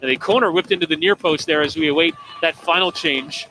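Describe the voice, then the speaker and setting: A man calling a live soccer match play by play, describing the action in quick, steady commentary. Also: fairly high pitch, a little hiss or hum, low-quality recording. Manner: rapid descriptive calls, laughs easily.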